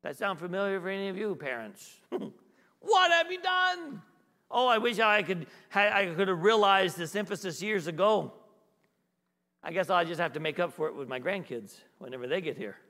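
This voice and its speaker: A middle-aged male guest pastor giving a sermon, emphatic, swinging between loud and hushed. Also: sits high, fairly quick. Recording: long hall reverb.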